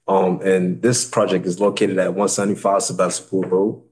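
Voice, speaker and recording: A man's voice: sits low, level tone, moderate pace, darkish tone. A man in his thirties with an American accent, giving a formal presentation as a city planner, often repeating and correcting his words. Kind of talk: formal slide presentation at a public meeting. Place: indoor meeting room at a table.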